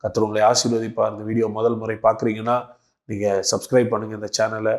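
A man's voice: on the low side, monotone, fast talker. A male pastor from Tamil Nadu, giving a devotional sermon and prayer to camera in short, repeated, emphatic phrases. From Tamil Nadu, India. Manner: repetitive, rhythmic preaching in short emphatic phrases. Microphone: speaking to camera for a video.

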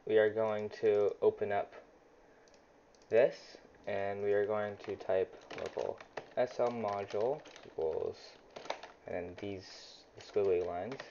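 A man's voice: lowish voice, dark tone. A young man talking casually through a coding tutorial, thinking aloud while he types, with plenty of ums. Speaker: YouTuber teaching game scripting. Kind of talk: screen-recorded coding tutorial. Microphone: desk mic near a loud keyboard. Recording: dull lo-fi home mic, faint typing noise.

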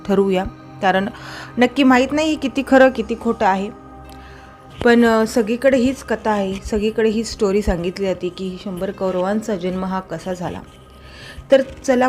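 A woman telling a traditional story in a casual, conversational way, now and then correcting small slips as she goes. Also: medium pitch.

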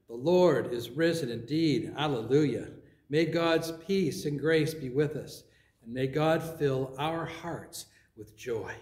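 Man, priest, solemn measured recitation, fairly high voice, echoing church reverb. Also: a little mellow. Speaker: priest leading worship. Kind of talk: liturgical service leading. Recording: roomy echoing church sound.

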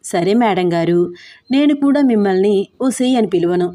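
Young husband figure, playful, bossy banter, warm mellow tone, woman reader, audio story. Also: mid-range voice, expressive, moderate pace, close to an everyday voice. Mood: scheming.

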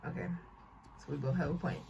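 A woman's voice: low-pitched, fairly even intonation, fairly quick, vocal fry, muffled recording. A young woman chatting casually as co-host of a home joke challenge. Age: young adult. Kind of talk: casual chat. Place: bedroom, indoors. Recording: faint noise in home room.

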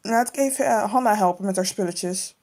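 A woman voicing a busy, caring mother of two girls in a toy-figure film, chatty and hurried with many fillers. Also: medium pitch, background noise, close to an everyday voice.

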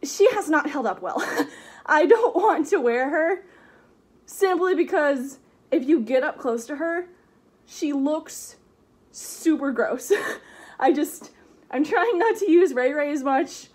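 A woman's voice: high voice, expressive, takes it slowly, long pauses, a little mellow. A woman chatting casually in a vlog, giggly and rambling, her voice muffled inside a costume head. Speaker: vlogger.

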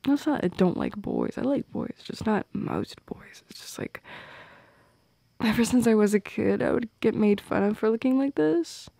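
An audio roleplay performer, a young woman, voices a shy, teasing teenage goth girl in intimate ASMR, soft and breathy, hesitant, halting with small laughs and often dropping to a whisper. Her full character voice sits a little high with huge pitch swings, in a wounded, wry mood. A close mic in a dry space gives a dry recording.

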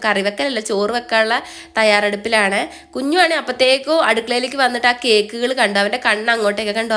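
A young Malayali woman with a blocked, nasal voice from a cold, chatting through a casual voice-over for her vlog. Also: fairly high pitch. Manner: chatty, often ends phrases with a soft tag word. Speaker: vlogger.

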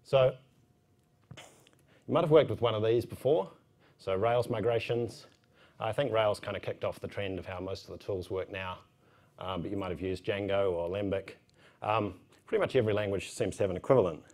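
Male conference speaker, thirties, low voice, strong New Zealand accent, casual and wry delivery. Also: normal speed, darkish tone. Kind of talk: informal technical conference talk. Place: indoor conference room, at a podium.

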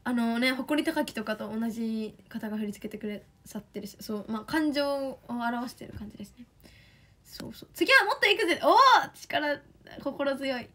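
A young woman with a Kansai accent, chatting excitedly on a livestream as an idol, reading fan comments. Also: on the high side. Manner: chatty, excitable, quick bursts of enthusiasm.

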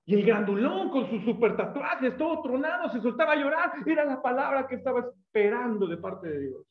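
A man with a Mexican accent preaching a sermon as a lively storyteller, acting out the voices he quotes. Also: very high-pitched, fairly quick. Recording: echoey, dull room sound.

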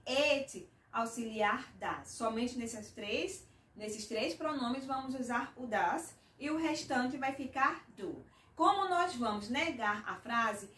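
A woman's voice: high voice, far from the mic. Brazilian woman teaching, echoey room. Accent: Brazilian Portuguese. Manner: clear, patient, repeats example sentences slowly. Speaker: English teacher. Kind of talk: explanatory mini-lesson.

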